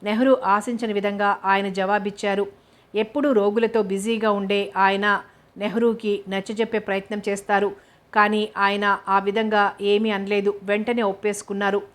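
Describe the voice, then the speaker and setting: A woman narrating a novel as an audiobook, reading in a steady, measured way. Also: medium pitch.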